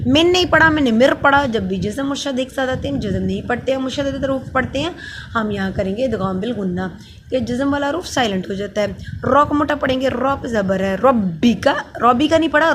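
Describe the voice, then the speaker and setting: A woman teaching tajweed, who first recites verses slowly and melodiously and then explains the pronunciation of each letter in a soft, steady voice. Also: fairly high pitch, a little hiss or hum.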